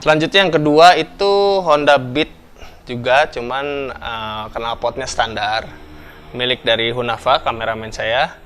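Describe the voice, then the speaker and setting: A young man, explaining things in a relaxed, chatty vlog and thinking aloud as he goes. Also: mid-range voice, measured pace, noisy background. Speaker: motorcycle vlogger.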